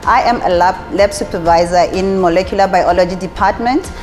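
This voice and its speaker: A woman, a lab supervisor, giving a grateful and slightly halting testimonial. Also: on the low side, darkish tone. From South Africa. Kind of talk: interview testimonial. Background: background music.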